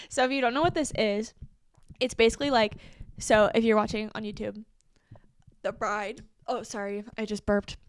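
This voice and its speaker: Her voice is a little high and smooth, recorded with studio clarity and no echo. This twenty-something woman runs her own podcast, chatting animatedly and casually with plenty of "um"s and "like"s.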